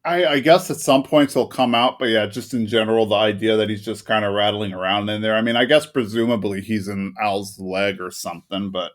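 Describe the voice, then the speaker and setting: A man's voice: on the low side, fairly even intonation, a little fast, few pauses. A man co-hosting a podcast, talking casually about an anime episode in an easygoing, hedging way. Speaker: podcast co-host.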